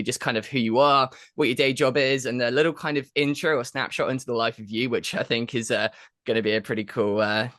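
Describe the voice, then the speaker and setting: A man's voice: mid-range voice, a bit bright, no room sound, clean studio sound. A man hosting a podcast, presenting and interviewing in an effusive, enthusiastic, informal way. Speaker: podcast host.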